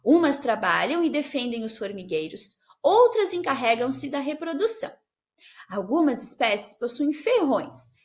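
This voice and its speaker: A woman teaching young children from afar, her voice high and full of swooping rises and falls. She talks in slow, sing-song phrases and breaks words into syllables for her pupils. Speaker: primary school teacher. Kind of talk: remote class lesson.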